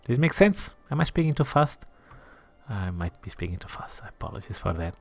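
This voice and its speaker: Here a gaming channel host narrates a city-building let's-play in a gravelly, medium-pitched voice that's very animated and a little fast. He muses aloud, tosses off muttered asides, and occasionally whispers. With his audience he's talkative and quick to make fun of himself.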